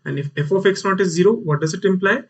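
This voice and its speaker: A man's voice: sits high, quick pace, husky, dull audio. A man with a North Indian accent teaching a mathematics lesson online, explaining step by step and repeating phrases for emphasis. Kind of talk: live online lesson, explaining worked problems. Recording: voice sounds distant from mic.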